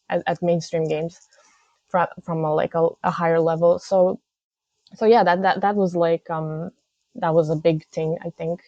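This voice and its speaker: A young woman from Serbia answers interview questions in a low, warm, relaxed voice. She pauses often and restarts her sentences. The sound is dull and lo-fi, recorded close and dry. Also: no room sound. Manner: hesitant, many fillers and restarts. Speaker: guest, games news editor. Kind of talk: casual interview chat.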